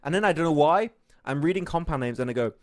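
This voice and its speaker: A man casting an esports match, joking with his partner and getting loud during the action. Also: a little high, expressive, fast, no room sound. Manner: jokey, laughs often, rises sharply when play heats up. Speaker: esports caster. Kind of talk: esports play-by-play commentary.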